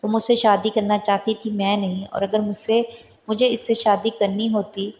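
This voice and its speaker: A woman reading out a young husband in a storybook romance, stubborn, quick to anger and given to teasing. The voice stays level and steady, with very little rise and fall in pitch. It is delivered as a plain, even reading. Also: close to an everyday voice. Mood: curt, teasing.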